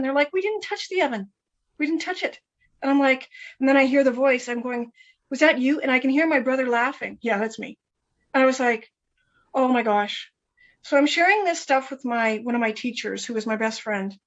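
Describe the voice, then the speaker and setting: A woman guest telling a personal story in an interview, animated, often repeating herself and acting out what others said. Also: fairly high pitch, dull audio. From Canada. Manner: animated, repeats herself, acts out quoted voices.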